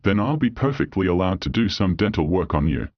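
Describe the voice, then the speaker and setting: A man voicing a large, cheerful, scheming male dog dentist who talks fast and coaxingly. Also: sits low, very animated, no echo, lo-fi sound, pitched below the performer's own voice, full character voice. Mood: scheming glee.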